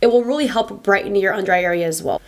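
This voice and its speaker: A woman's voice: medium pitch, fast. A woman in her twenties talking casually to camera through a makeup tutorial, chatty and emphatic, repeating words for stress. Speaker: beauty vlogger. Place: small indoor home filming setup.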